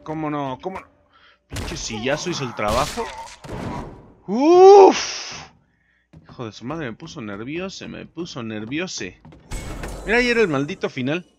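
A man with a Mexican Spanish accent giving live gameplay commentary, excitable and swearing a lot, yelling during fights. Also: fairly high pitch, normal speed, slight background noise. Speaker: gaming video host. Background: game music.

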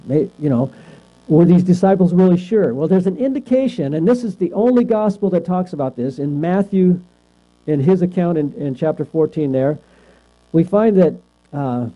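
A man with a fairly high, animated voice teaches a Bible class at a normal pace. He keeps it conversational, often posing questions to the class and checking in with "right?". The lo-fi recording carries mains hum.

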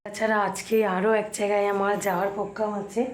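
Woman, hoarse with a cold, chatty homely vlog talk, mid-pitched voice. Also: flat delivery, fast, a little hiss or hum. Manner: chatty, homely, addresses viewers as friends. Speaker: family vlogger. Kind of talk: casual home vlog talk. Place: at home.

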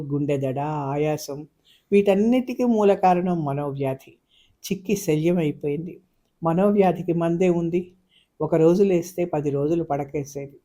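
Male audiobook narrator, measured and expressive, mellow tone, slightly high voice.

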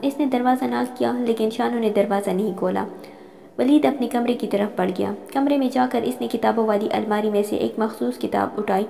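A woman narrating a romance novel in a steady, measured storybook style. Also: a little high, vocal fry. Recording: long reverb.

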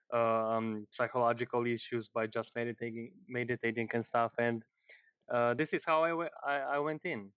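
Introducing himself casually on a group call, this thirty-year-old Slovenian-accented man hesitates and repeats words a lot. The medium-pitched voice is recorded dry over a headset, sounding muffled and narrow like a phone call.

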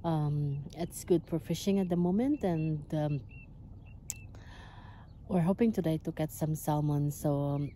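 A woman's voice: low-pitched, unhurried, long pauses. A woman in her forties making a casual fishing vlog outdoors, talking in a chatty way with many fillers into a phone held at arm's length. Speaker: vlogger. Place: outdoors by a canal. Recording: loud outdoor noise.

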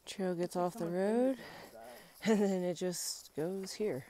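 A woman's voice: on the low side, slow pace, over a noisy crowd. A woman vlogging casually while hiking up a mountain trail, upbeat and chatty, out of breath from the climb. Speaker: thru-hiker vlogger.

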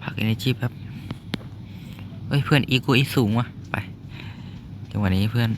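A young man talks his way through a game in a loose, chatty manner, explaining moves and breaking off into short exclamations. His voice sits at an ordinary middle pitch. A faint noise hums behind him. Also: a little slow. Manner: chatty, explains while playing, reacts with exclamations. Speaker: gaming YouTuber. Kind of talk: casual gameplay commentary. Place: noisy spot at home.

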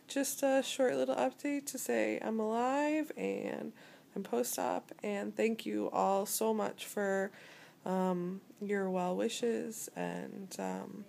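Weak, slow-talking woman after surgery. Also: vocal fry, darkish tone. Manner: halting, low-energy, lying in bed. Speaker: vlogger. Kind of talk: casual video update. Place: small hospital room, lying in bed. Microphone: phone at arm's length. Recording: noisy phone recording in hospital room.

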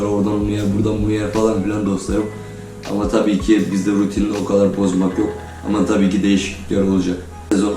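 A young man with a cold, whose voice sounds flat and robot-like, chatting casually to his viewers while he makes breakfast in a kitchen. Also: deep voice. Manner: chatty, keeps calling viewers "friends". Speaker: vlogger. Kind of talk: casual talking-to-camera vlog. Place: kitchen of a holiday home. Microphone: camera on a tripod a few steps away. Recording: roomy, distant camera mic, faint music.

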